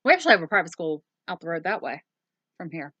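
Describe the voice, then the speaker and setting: A woman's voice: lowish voice, big pitch swings, quick pace, bright, forceful tone, husky, no echo, muffled recording. A woman co-hosting a movie review, casually summarizing the plot in a rambling way with lots of ums. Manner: rambling, with frequent ums and plain swearing.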